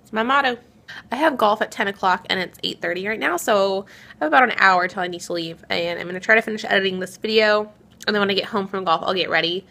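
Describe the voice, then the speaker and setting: Young female vlogger, bright, chatty, holding a camera at arm's length. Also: mid-range voice, gravelly. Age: young adult. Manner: chatty, upbeat, quick asides to camera. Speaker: beauty vlogger. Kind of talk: casual vlog chat.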